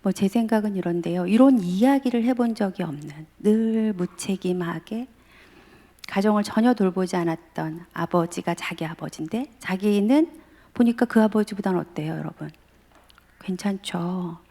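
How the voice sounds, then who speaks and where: A woman's voice: medium pitch, normal speed, mellow, long reverb tail. A middle-aged woman professor giving a sermon, telling family stories and speaking directly to the congregation. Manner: storytelling, addressing the congregation directly. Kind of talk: sermon at a dawn revival service.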